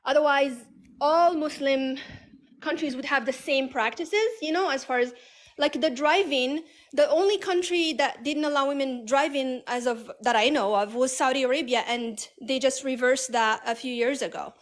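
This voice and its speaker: A woman's voice: high-pitched, moderate pace. A woman from Morocco, a guest on a live video stream, explaining patiently with many fillers over a video call. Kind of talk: casual live-stream conversation.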